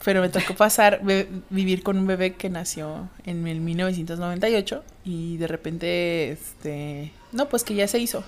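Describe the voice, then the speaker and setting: A young woman in her twenties with a Mexican accent, telling animated, slangy stories in a casual chat. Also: fairly low pitch, moderate pace, hardly any pauses. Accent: Mexican Spanish.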